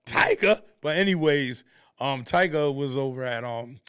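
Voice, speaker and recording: A man's voice: mid-range voice, moderate pace, clean tone, no room sound, clean studio sound. A man from Connecticut co-hosting a casual podcast, rambling and teasing, often repeating his words before his point comes out. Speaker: podcast co-host. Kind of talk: casual chat.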